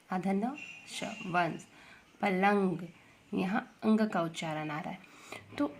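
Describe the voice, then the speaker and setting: A woman teaching Hindi grammar to young children, slowly repeating words and asking questions to the class. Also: mid-range voice, darkish tone, slight background noise. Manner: slow, repeats words and asks questions to the pupils.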